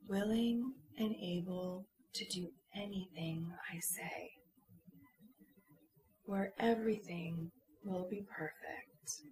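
A woman's voice: lowish voice, darkish tone, poor audio. A woman playing a confident stage hypnotist who coaxes volunteers and the audience, mixing whispers with stage announcements in an ASMR roleplay. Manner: teasing, coaxing, alternates whispers and stage calls. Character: confident female stage hypnotist, teasing showwoman.

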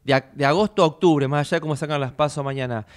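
A man's voice: fairly high pitch, fast talker. A middle-aged man hosting a radio interview over a video call, asking long questions with many fillers. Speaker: radio host.

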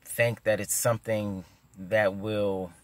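A man in his thirties sits in his parked car offering casual advice to a phone camera held at arm's length. His voice is fairly low and flat, and he speaks slowly with no echo. He stutters, repeating words and using many fillers.

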